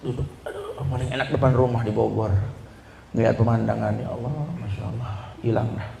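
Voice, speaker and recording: A man's voice: mid-range voice, little pitch movement, a little fast, vocal fry, noisy background. A man with a Betawi accent preaching a sermon in an emphatic storytelling way, mixing in humor. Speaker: Islamic preacher. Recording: echoey room with faint ambience.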